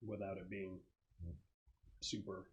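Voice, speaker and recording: Acting as game master, a man casually narrates scenes and explains rules, thinking aloud in a halting way. His low voice is monotone, and the recording is rough.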